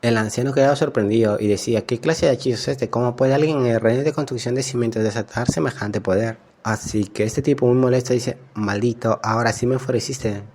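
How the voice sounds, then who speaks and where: A man narrating a manga story recap, reading each character's lines in the same even voice. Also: medium pitch, quick pace, few pauses.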